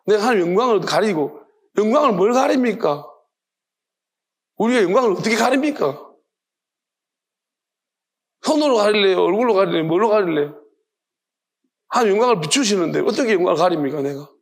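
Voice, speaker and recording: A man's voice: high-pitched, lively intonation, brisk, pauses often. A male pastor with a Gyeongsang accent preaching a sermon, firing off rhetorical questions with emphasis.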